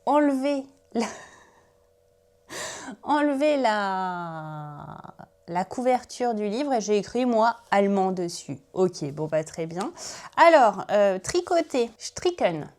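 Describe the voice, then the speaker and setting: A woman's voice: mid-range voice, expressive, slow pace, long pauses, a little mellow. A woman hosting a knitting podcast, talking casually and chattily to her viewers, often laughing at herself. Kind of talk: casual chat to camera.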